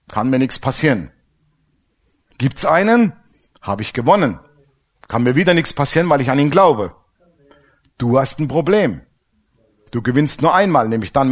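A middle-aged pastor preaching a sermon, lively, acting out little dialogues. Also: male voice, medium pitch.

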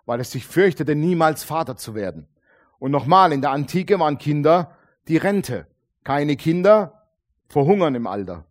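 A man delivers a sermon in a somewhat high voice. He is emphatic, moving between forceful declarations and hushed asides. He slows right down to draw out key phrases. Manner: stretches key phrases slowly for weight. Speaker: preacher.

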